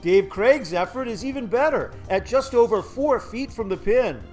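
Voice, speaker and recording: High-pitched male golf commentary narrator. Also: animated, normal speed, darkish tone. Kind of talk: scripted golf commentary voice-over. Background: faint music.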